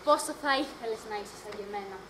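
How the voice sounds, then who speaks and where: A woman's voice: medium pitch, pushed and bright, slight background noise, lightly acted. A woman on stage playing a defiant, passionate youngest sister, declaiming fiercely, recorded live and echoey. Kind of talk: amateur stage acting.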